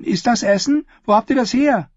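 A man reading aloud in the voice of a guarded, suspicious ten-year-old girl who asks sharp questions. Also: very high voice, moderate pace, breathy edge, dry recording, lo-fi sound, pitched above the performer's own voice. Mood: wary, blunt.

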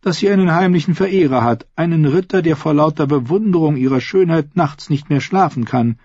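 A man's voice: a little high, fairly quick, darkish tone, husky, no room sound, pitched above the performer's own voice. A man reading an audiobook and voicing a scheming, seductive queen in a silky, coaxing tone. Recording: slightly dull, dry recording.

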